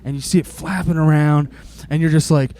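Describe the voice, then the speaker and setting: Young male co-host, higher-pitched, animated and profane, riffs off his partner's story. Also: fairly quick. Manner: animated, profane, acts out voices. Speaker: podcast co-host. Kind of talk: casual chat.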